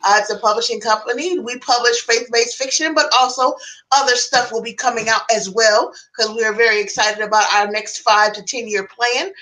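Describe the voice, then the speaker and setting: A woman on a podcast panel introducing her publishing company, excitable and quick to laugh. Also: on the high side, poor audio. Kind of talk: casual podcast chat.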